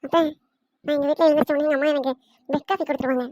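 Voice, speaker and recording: A woman's voice: high voice, fairly even intonation, darkish tone, no room sound, highs cut off, natural voice. A woman voicing a lazy, defiant young newlywed daughter-in-law in a cartoon comedy, talking back in a whiny way. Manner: quick, answering back, whiny.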